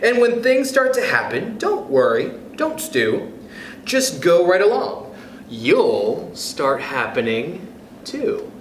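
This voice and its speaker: In an echoey room with a faint hum in the background, a young man from a youth club slowly and gently reads a children's picture book aloud. His fairly high voice rises and falls in a lively sing-song, and he chuckles softly while turning to the young listeners with friendly asides.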